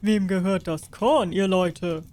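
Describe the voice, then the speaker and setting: A woman voicing a stately fairy-tale king in a storybook reading, speaking with loud admiration. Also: medium pitch, slow pace, close to an everyday voice. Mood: impressed. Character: impressed, stately old king.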